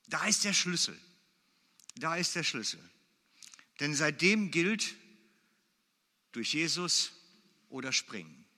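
Preacher, male: bright forceful delivery, slightly high voice, repeats his points, booming hall. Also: sing-song, slow pace, long pauses. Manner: emphatic, repeats key phrases. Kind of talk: sermon. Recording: long hall reverb.

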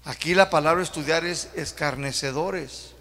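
A man with a Mexican accent preaching a sermon as pastor, in a folksy, drawn-out way with rhetorical questions to the congregation. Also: fairly high pitch, sharp tone, a little hiss or hum. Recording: long reverb of a church hall.

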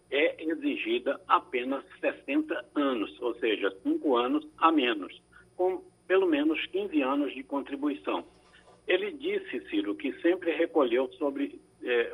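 Husky-voiced man explaining legal advice. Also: medium pitch, narrow, tinny audio. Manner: measured, explanatory, frequent tag questions. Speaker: lawyer answering listener questions. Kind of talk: radio call-in advice. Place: radio studio.

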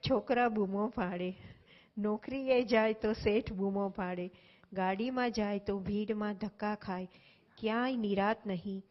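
A woman talks through spiritual teachings in an earnest, explanatory way, using everyday examples. Her voice is mid-pitched. The recording is dull and lo-fi. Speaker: spiritual discussion speaker. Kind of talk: religious discourse explanation.

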